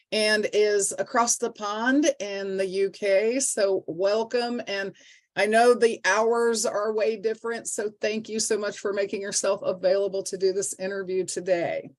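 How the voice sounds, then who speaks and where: A woman hosting an interview, speaking in an unhurried way with many fillers. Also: mid-range voice. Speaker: host. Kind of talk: interview conversation.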